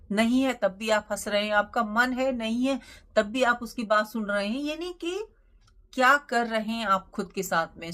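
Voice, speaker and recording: A woman's voice: medium pitch, a bit bright. A woman, hosting a motivational talk and giving earnest advice with many rhetorical questions. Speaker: motivational channel host.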